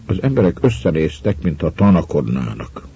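A man reading a story aloud with expressive, dramatic narration. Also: extremely low pitch, husky. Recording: muffled lo-fi recording.

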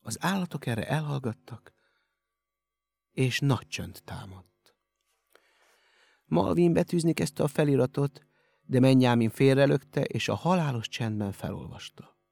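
Gravelly guy reading a story aloud, steady, dry close mic. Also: mid-range voice, long pauses, dry recording. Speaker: audiobook narrator. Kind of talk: scripted narration.

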